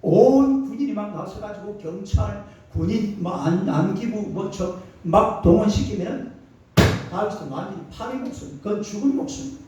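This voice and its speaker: A man preaches to his congregation in a colloquial, call-and-response style, always asking them to repeat after him. His voice sits high and mellow. The recording is dull and distant, with a heavy hall echo. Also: lively intonation, moderate pace, a little hiss or hum. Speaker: pastor. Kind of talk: sermon. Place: church sanctuary.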